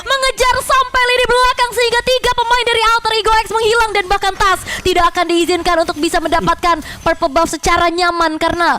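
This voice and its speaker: A woman with an Indonesian accent calling esports action in an excited, rapid-fire fighting game announcer manner, with long run-on calls. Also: very high-pitched. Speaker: esports shoutcaster.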